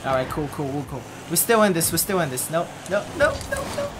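Pitch swooping wildly and pace a little fast, a young male game streamer chats casually through his headset from a desk at home. He's blunt, mumbles low asides, and responds to chat while game music blares and background noise creeps in.

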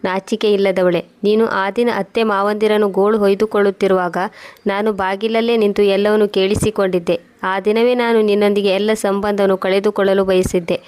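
A stern elderly mother scolds her grown daughter, as a woman narrator reads her part. The voice stays level and even, with little rise or fall, and the delivery is plain storybook reading. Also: medium pitch, brisk, lightly acted. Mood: stern scolding.

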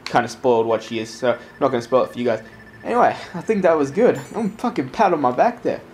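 A man's voice: mid-range voice, expressive, fast talker, a little mellow, a little hiss or hum. A man hosting casual gameplay commentary in a sweary, self-deprecating way. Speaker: gaming host.

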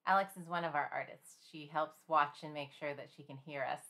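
A woman's voice: low-pitched, steady tone, a little fast. Chatty woman leading a painting class. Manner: chatty, gentle, lots of fillers and laughs. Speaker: art instructor. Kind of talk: live-streamed finger painting class.

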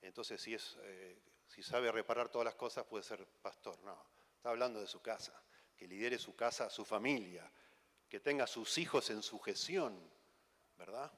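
A man preaches a conference sermon in Argentine Spanish, conversational and teasing, posing one rhetorical question after another. His voice is fairly low and fairly bright at normal speed, and long reverb from the hall surrounds it.

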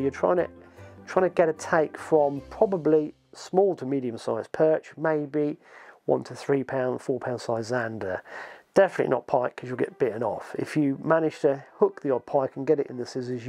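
A man in his forties with an English accent, talking casually to camera as he shows fishing gear and how to rig it, recorded seated in a small home studio. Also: medium pitch. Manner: relaxed, chatty, explaining with hand gestures. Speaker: fishing channel host.

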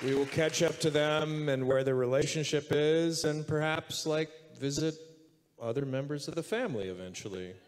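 A man's voice: fairly high pitch, normal speed, big-room sound, some chatter behind. A man on a festival panel, talking in a laughing, joking way. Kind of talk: panel talk. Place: festival stage.

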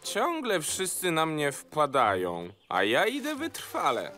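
A bright-voiced, mournful cartoon snail. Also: male voice, on the high side, wildly swooping pitch, slow pace, soft background music, exaggerated voice. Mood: glum. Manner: plaintive grumbling. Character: slow, mournful, self-pitying snail. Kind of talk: animated children's cartoon dubbing.

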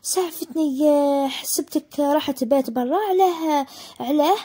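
A woman's voice: high voice, normal speed, mellow. A woman narrating a dramatic first-person story.

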